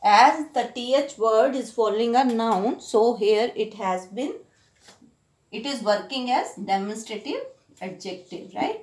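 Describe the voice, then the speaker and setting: A woman's voice: on the high side, lively intonation, unhurried, darkish tone. Indian woman teaching grammar, echoey. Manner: explanatory, frequent "right?" checks, mixes Hindi into English. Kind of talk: grammar lesson for school students.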